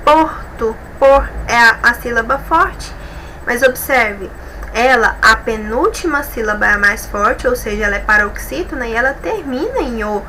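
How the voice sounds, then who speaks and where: Bright-voiced Brazilian woman teaching. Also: on the high side, animated, moderate pace, slight background noise, rough recording. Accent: Brazilian Portuguese. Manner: patient, explains step by step, often checks with "tá bom?". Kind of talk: classroom lesson correcting exercises.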